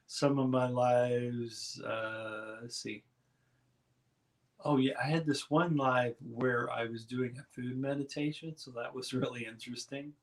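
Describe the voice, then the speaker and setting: Relaxed rambling man hosting a live stream. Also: mid-range voice, measured pace. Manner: relaxed, rambling, reads chat aloud. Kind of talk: casual live stream chat.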